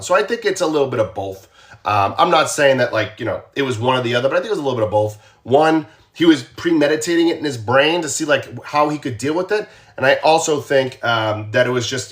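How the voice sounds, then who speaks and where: On his true crime stream, a former police officer with a Boston accent talks easily with viewers, asking them questions and going over points more than once. His voice sits a little high and sounds a bit bright.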